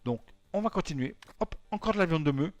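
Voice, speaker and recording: A man's voice: fairly high pitch, lively intonation, fairly quick, dry recording. A man with a Swiss French accent giving loose, rambling gameplay commentary, full of fillers and little tag words. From Switzerland. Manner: rambling, filler-heavy, tags lines with "hein". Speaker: let's play gamer.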